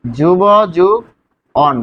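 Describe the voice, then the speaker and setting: Slow, high-voiced male grammar teacher. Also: expressive, muffled recording. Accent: Bangladeshi Bengali. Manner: slow, step-by-step explaining with questions to students. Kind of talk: grammar lesson.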